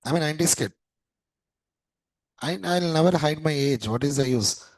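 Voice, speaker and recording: A man's voice: a little high, expressive, normal speed, a little mellow, no room sound, rough recording. A man in his thirties with an Indian English accent, lecturing a class in a chatty way and often repeating his phrases. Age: 30s. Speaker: teacher.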